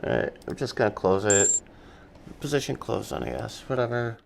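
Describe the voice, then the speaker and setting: A man's voice: on the low side, big pitch swings, moderate pace, creaky, a little hiss or hum. A man hosting a live day trading stream with casual, rambling commentary, muttering to himself and swearing bluntly. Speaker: day trading livestream host.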